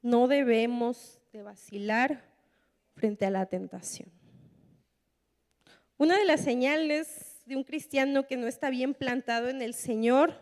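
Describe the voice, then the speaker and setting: A woman delivers a sermon in a church. Her voice sits high, and she talks in a lively way, putting on the voices of people making excuses. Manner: animated, acts out excuses of churchgoers in quoted voices. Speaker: preacher. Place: church meeting room.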